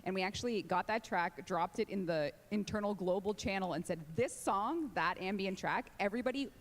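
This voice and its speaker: A woman game developer talking eagerly and excitedly on a convention panel. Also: mid-range voice, brisk.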